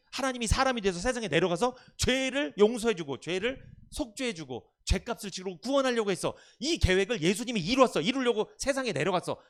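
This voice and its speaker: A man preaching a sermon as pastor at a church service, emphatic and quizzing the congregation with questions for them to answer. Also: high-pitched.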